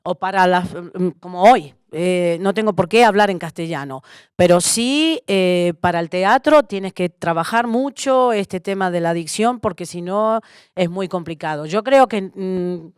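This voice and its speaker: A woman's voice: lowish voice, unhurried, smooth, dry recording, studio quality. A woman from Argentina, a musical theatre actress speaking to students on a panel, reflective and full of fillers. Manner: reflective, with many fillers and tag questions.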